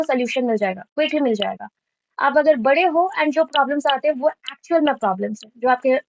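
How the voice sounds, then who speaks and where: Woman teacher on an online class, high voice, keeps asking "ok?", muffled lo-fi mic. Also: a little hiss or hum. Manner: explains in mixed Hindi and English, checks with "ठीक है?"; repeats key terms slowly. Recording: dull lo-fi audio.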